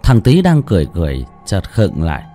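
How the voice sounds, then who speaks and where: A low-voiced man reads a ghost story aloud, his pitch rising and falling expressively from line to line. Soft music plays under the narration. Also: a little fast. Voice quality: lively dramatic reading.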